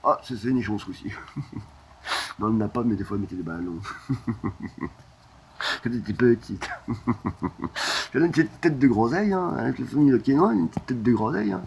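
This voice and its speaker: A man's voice: mid-range voice, lively intonation, brisk, creaky, long pauses, a little mellow, breathy edge, lo-fi sound. A man talking in a rambling, disjointed monologue, crude and full of "hein" fillers, drifting from topic to topic.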